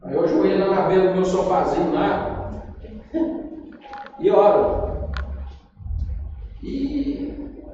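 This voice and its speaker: Homem de sotaque brasileiro num salão ecoante. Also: male voice, high voice, animated, dark tone, slight background noise. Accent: Brazilian Portuguese. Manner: halting, emotional storytelling with repetitions. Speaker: course teacher. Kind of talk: personal testimony in a class. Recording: dull echoey hall recording from far off.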